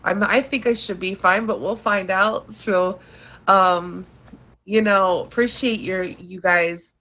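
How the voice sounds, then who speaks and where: A woman's voice: mid-range voice, steady tone, takes it slowly, pushed and bright. A woman hosting a casual livestream, thanking her viewers often, with a congested, nasal voice from a blocked nose. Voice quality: stuffy, nasal sound from congestion. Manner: effusively thankful, addresses audience as "you guys". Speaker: live show host.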